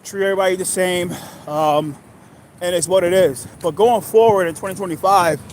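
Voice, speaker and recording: A man in his thirties from New York, talking in a rambling, halting monologue full of restarts. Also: sits high, a little hiss or hum, poor audio. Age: 30s. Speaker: livestream host.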